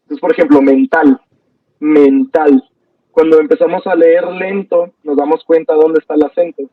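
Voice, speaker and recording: A young man teaching an online poetry class, relaxed and hesitant, with many fillers and restarts. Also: on the high side, fairly quick, dry recording, recorded from a distance. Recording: dull, dry sound from off mic.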